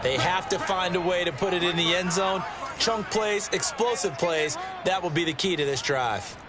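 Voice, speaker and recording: A man's voice: high-pitched, normal speed, a crowd in the background, background noise. An American man giving explanatory, emphatic football analysis as a color commentator.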